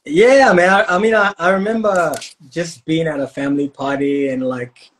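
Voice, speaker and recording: Relaxed young man chatting on a video call. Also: on the high side, normal speed, poor audio. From Australia. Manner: relaxed, rambling with restarts and fillers. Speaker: guest singer-songwriter. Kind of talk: casual interview chat. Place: indoor room at home.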